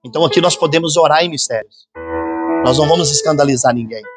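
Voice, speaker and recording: Pastor preaching over music. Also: male voice, fairly high pitch, fast talker. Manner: fervent preaching, acts out quoted voices and sounds. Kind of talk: sermon. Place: church conference hall. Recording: sermon with music playing underneath.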